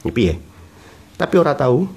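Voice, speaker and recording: An Islamic cleric with a slightly rough, mid-range voice teaches a religious text at a study gathering, speaking at a moderate pace. His humorous sermon lesson is animated storytelling in which he acts out the characters' voices and dialogue, drawing frequent laughter from listeners.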